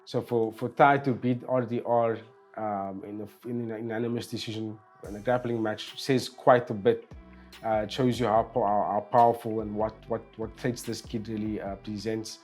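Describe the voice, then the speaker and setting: A man's voice: fairly low pitch, fairly even intonation, moderate pace, a little mellow, faint music behind. A man hosting a casual fight preview, talking loosely with frequent restarts and repeated words. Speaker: host.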